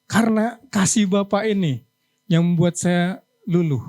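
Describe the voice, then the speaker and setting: A man from Java gives a heartfelt church testimony in a high, light voice. He speaks earnestly and with feeling, slipping into the voices of his parents and his wife. The sound is dry and close. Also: measured pace, darkish tone, dry recording. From Java, Indonesia. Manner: earnest, emotional, acts out family dialogue. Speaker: pastor. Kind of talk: sermon testimony.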